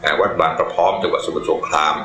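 A man narrating a Buddhist monk's life story in a calm, measured, reverent way. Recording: echoey room with faint music. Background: faint music.

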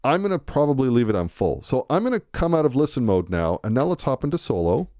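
A man giving a relaxed, conversational music production tutorial, thinking aloud as he works. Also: medium pitch, fast, dry recording. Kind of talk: screen-recorded software tutorial. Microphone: close to a studio microphone.

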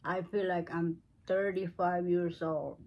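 Woman in her seventies, home vlogger, very slow and halting, reaching for words as she goes. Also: lowish voice, steady tone, dull audio. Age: 70s. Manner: slow, searching for words, non-native phrasing. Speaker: craft and beauty vlogger. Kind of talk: unscripted home tutorial. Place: cluttered living room at home.

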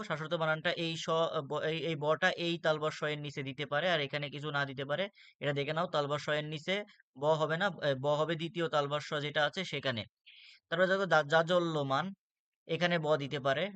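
A man's voice: a little high, fairly even intonation, fairly quick, fairly bright tone, smooth, no room sound. A man with a Bangladeshi Bengali accent teaching a spelling lesson for exam students, explaining step by step and repeating words with frequent "ah" fillers.

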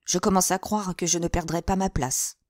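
A woman's voice: fairly even intonation, normal speed, no room sound, studio quality, lightly acted. A woman reading a greedy, nervous jailer. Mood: furtive. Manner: low, furtive and greedy. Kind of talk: audiobook character reading.

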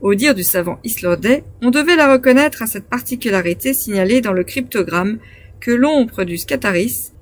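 A woman reading a classic adventure novel aloud as an audiobook narrator, in a measured, phrase-by-phrase delivery. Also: fairly high pitch, animated. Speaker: audiobook reader.

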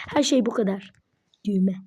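A woman hosting a Minecraft let's play, talking to viewers in a playful, mischievous way with drawn-out words. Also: on the high side, husky. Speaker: gaming channel host. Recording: steady background noise.

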